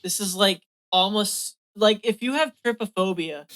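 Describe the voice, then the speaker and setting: A woman guest in a casual podcast chat, trading dry, deadpan jokes. She argues bluntly and with confidence, delivering absurd lines with a straight face. Her voice sits at an ordinary middle pitch. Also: unhurried. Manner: blunt and argumentative in banter. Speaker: guest, artist.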